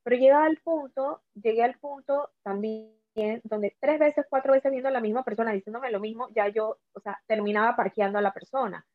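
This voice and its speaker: A woman's voice: on the high side, brisk, hardly any pauses, no echo. Panamanian woman on a tinny line. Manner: earnest, repeats words often. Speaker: cancer survivor guest. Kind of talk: conversational talk. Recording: tinny phone-like audio.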